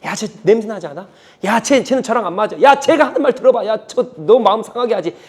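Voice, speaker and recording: Guy doing a sneaky whispery devil, whispered role-play, hushed and sly, fairly high voice. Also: animated, fast, husky, exaggerated voice. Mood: insinuating. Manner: hushed, insinuating gossip. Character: whispering male devil sowing division.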